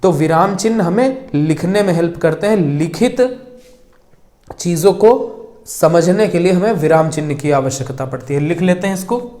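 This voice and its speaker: Hindi grammar teacher dictating slowly. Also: male voice, fairly high pitch, lively intonation, warm tone. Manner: slow dictation, repeating words as he writes; explains by asking and answering his own questions. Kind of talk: whiteboard grammar lesson.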